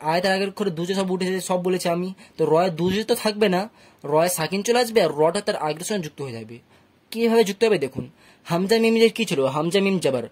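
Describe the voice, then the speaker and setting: A man's voice: sits high, darkish tone. A man with a Bangladeshi Bengali accent teaching Quran reading, patiently spelling out letters and vowel marks one syllable at a time. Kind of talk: slow syllable-by-syllable recitation lesson.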